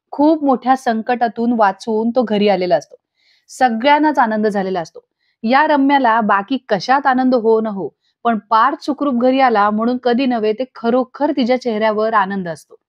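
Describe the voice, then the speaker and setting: Woman retelling a serial episode. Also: on the high side. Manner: brisk, expressive, sympathetic retelling. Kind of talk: storytelling recap narration. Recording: dull lo-fi recording.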